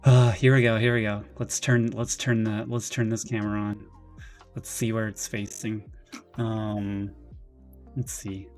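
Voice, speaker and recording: A man streaming from his bedroom, chatting casually, rambling and excitable, with lots of restarts and a slightly nervous, jittery edge. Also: lowish voice, unhurried, faint music behind. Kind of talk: casual live-stream chat.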